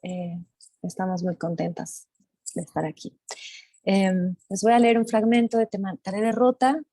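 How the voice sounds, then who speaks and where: A woman's voice: medium pitch, steady tone, moderate pace, warm tone, dry recording. A woman from Mexico, a playwright, reading a theatre monologue aloud with rhythmic, repeated words. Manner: repetitive, rhythmic listing of words. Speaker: playwright and performer.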